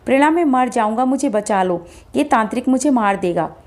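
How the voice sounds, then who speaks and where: A woman's voice: a little high, animated, brisk, a little mellow, close to an everyday voice. A woman voicing an angry young husband who speaks curtly and with scorn. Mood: pleading. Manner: curt, scornful.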